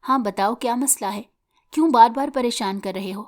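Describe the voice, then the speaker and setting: A woman's voice: on the high side, lightly acted. A woman voicing an arrogant, teasing young man in a story reading. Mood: curt. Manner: mocking, then pleading.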